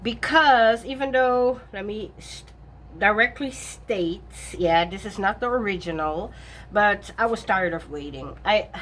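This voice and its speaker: A woman's voice: mid-range voice, fairly bright tone. A woman talking through her tarot decks in a loose, rambling vlog chat. She backtracks and rephrases often and breaks into easy laughs. Faint room noise sits under her voice. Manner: chatty and self-correcting, laughs often. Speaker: tarot vlogger.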